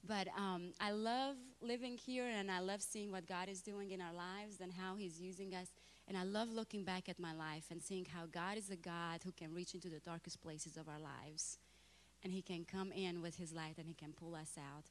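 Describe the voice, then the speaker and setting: A Romanian woman in her thirties, a guest speaker in a church sanctuary, shares her personal testimony in a Romanian accent and frequently checks in with the audience. Her voice is lowish with fairly even intonation and a moderate pace, with a little hiss or hum in the recording.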